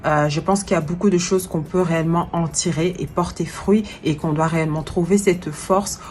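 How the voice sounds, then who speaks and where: Earnest low-voiced young woman. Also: steady tone, a little fast, a little mellow, slight background noise. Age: 20s. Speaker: life coach and event planner. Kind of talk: personal video message.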